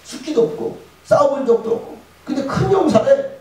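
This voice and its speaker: Lively pastor preaching in an echoey hall. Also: male voice, very high-pitched, normal speed. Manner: lively, acts out prayers and quizzes the audience. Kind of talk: chapel sermon to students. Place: school chapel. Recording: echoey hall, mic from far off.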